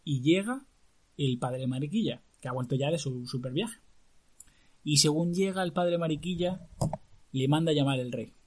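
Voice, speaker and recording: A man telling a folk tale aloud to a listener in a lively, earthy, colloquial way. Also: on the high side, normal speed, long pauses, noisy background. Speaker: storyteller.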